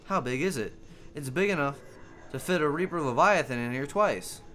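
A man's voice: a little high, expressive, moderate pace, fairly bright tone, a little hiss or hum. Jokey, rambling male gamer. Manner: rambling, jokey, swears often. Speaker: gaming video host. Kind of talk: casual gameplay commentary.

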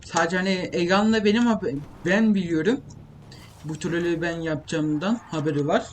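In a clearly noisy home recording full of typing and keyboard clicks, a young gaming video creator speaks at normal speed in a high voice. He gives casual gameplay commentary, thinking aloud as he rambles.

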